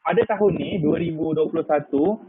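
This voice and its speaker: This product presenter, a man in his thirties with a Malaysian Malay accent, gives a chatty live online sales talk peppered with "ah" fillers and English words. His pitch is fairly high and he talks a little fast. The audio sounds tinny and phone-like, with faint noise.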